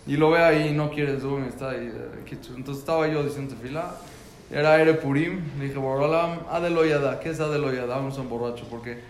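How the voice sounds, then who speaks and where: A man's voice: medium pitch, a little fast, roomy sound, a little hiss or hum. A man telling a personal story about his son, earnest and full of repeated words and restarts.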